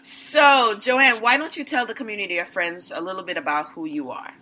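Woman, podcast host, enthusiastic, forceful tone, faint background noise. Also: medium pitch, fairly quick, poor audio. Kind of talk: casual conversation.

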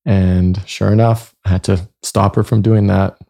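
This Croatian-born man, a chiropractor and speaker who has lived in Germany and Canada, tells stories casually as an interview guest on a podcast. His deep voice is dark in tone, with vocal fry, a level tone, and a measured pace.

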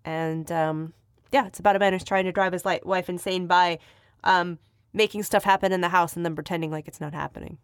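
A woman's voice: lowish voice, steady tone, a little fast, smooth, dry recording, clean studio sound. A woman co-hosting a podcast in casual chat, playful and teasing. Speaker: podcast co-host.

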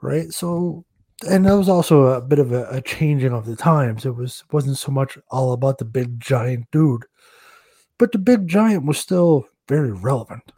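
A man co-hosting a podcast, chatting casually with self-deprecating jokes and halting restarts. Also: medium pitch, mellow, breathy edge, no room sound. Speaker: podcast co-host, referee.

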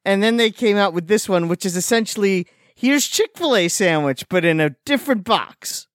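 A man's voice: high voice, normal speed, no echo. Rambling man, dry close sound. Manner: rambling, animated opinions. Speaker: podcast regular. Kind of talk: casual chat.

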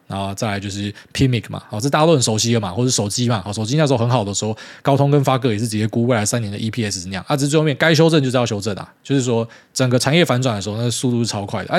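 A man hosting a podcast, giving chatty solo commentary full of sentence-final particles. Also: medium pitch. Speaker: podcast host.

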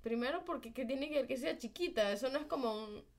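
This is a young woman chatting on a podcast. Her voice sits a little high, and she tells her stories with animation. She slips into the voices of the people she quotes. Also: fast. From Venezuela. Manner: animated storyteller who acts out other people's lines. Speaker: podcast co-host. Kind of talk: casual chat.

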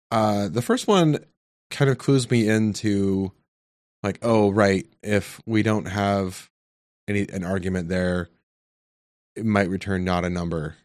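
A man answering coding quiz questions in a casual tech chat, thinking aloud with hesitant pauses and many ums. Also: deep voice, no echo, clean studio sound. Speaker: quiz contestant.

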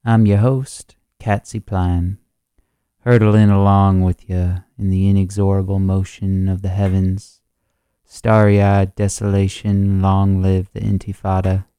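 A man with a low, very mellow, dark voice hosts a music radio show in a campy, theatrical drag-queen manner. He takes his time over the words, and the sound is close and dry. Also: flat delivery, unhurried, smooth, no room sound.

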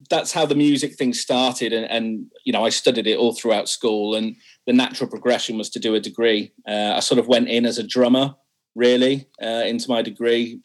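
In a rough recording, a young male singer with a medium-pitched voice talks candidly about his music during an interview conversation. He's self-deprecating and laughs often.

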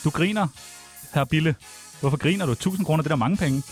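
A man's voice: fairly high pitch, soft background music. A man hosting a chat show, teasing and quizzing his guests. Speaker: podcast host. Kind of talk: casual chat.

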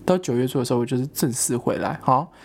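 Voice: mid-range voice, quick pace, gravelly. A young adult from Taiwan, casually telling a personal story with many fillers. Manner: chatty, many fillers, lively acted-out quotes. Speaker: vlogger.

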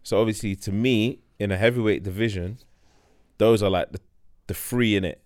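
A man's voice: on the low side, steady tone, moderate pace, dry recording, clean studio sound. A man with a London roadman accent and slangy speech, chatting casually as a podcast co-host. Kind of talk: casual chat. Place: studio.

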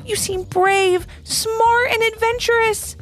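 A woman doing a squeaky, worried little forest guide. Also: fairly even intonation, takes it slowly, faint music behind. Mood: earnest. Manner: breathless, dramatic whispering. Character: small worried male forest guide, dramatic and anxious.

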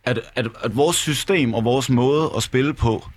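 Stammende mand i fodboldsnak. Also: male voice, mid-range voice. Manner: stammering, repeats words. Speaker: football podcast panelist. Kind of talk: casual chat.

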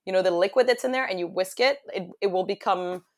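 A woman's voice: mid-range voice, fast talker. A young adult woman from France with an American accent, chatting casually as an interview guest, with lots of fillers and restarts. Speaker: guest, hospitality business owner.

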